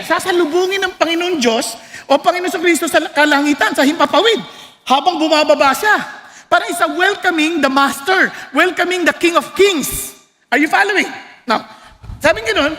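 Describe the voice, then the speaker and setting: A Filipino man preaching a sermon as pastor, animated and joking, shouting for emphasis. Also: very high-pitched, big-room sound.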